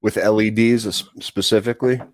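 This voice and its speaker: A man's voice: fairly low pitch, steady tone, fairly quick, no room sound, clean studio sound. A man co-hosting a podcast, chatting casually in a joking, rambling way with lots of fillers and restarts. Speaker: podcast co-host. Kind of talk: casual chat.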